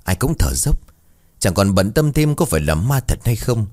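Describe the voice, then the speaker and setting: Low-voiced man telling a ghost story. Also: moderate pace. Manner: dramatic, expressive storytelling. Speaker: narrator.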